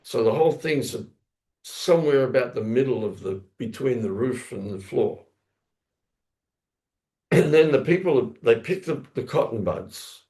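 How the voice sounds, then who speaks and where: A man's voice: medium pitch, animated, measured pace, dark tone. A man giving a scripture class, telling a story in a rambling way, often correcting himself and acting out sounds with his voice. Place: temple lounge class, indoors.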